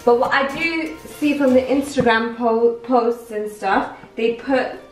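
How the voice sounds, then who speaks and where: Fairly high-pitched and a little slow, a young adult woman chats to her viewers as she cooks at home. The vlogger is upbeat and rambling in this casual cooking vlog. Her kitchen echoes roomily, and faint music plays underneath.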